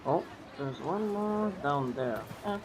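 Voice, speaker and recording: A man's voice: on the high side, animated, slow pace, noisy background. A man giving casual gameplay commentary, thinking aloud in muttered asides as he plays. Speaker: gamer playing and reacting.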